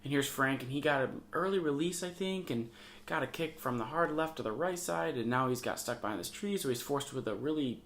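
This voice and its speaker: A man's voice: medium pitch, animated, fairly quick, fairly bright tone. Upbeat chatty disc golf commentator man. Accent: Michigan. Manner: chatty, upbeat play-by-play with fillers. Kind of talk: casual tournament commentary. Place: outdoor disc golf course.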